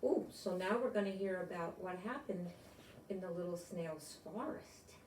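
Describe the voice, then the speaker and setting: Heard through a far-off microphone in an echoey room, an older woman gives children a lively picture-book reading, full of expression, side comments and questions aimed at them. She speaks at a moderate pace in a low, slightly mellow voice, with some background noise.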